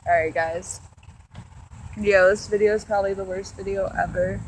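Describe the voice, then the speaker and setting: A woman with a mid-pitched voice banters casually as a video channel host. Her manner is joking and self-deprecating. Noise is clearly heard behind her. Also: steady tone, normal speed. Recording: noisy home video. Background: clear background noise.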